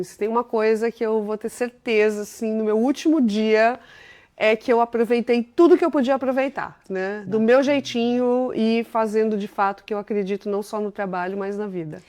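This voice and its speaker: A woman's voice: a little high, mellow. A woman in her forties from Brazil, a company CEO telling her life story as an interview guest, chatty and enthusiastic, peppering her talk with little tag questions. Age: 40s. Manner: chatty, full of filler tags, enthusiastic storytelling.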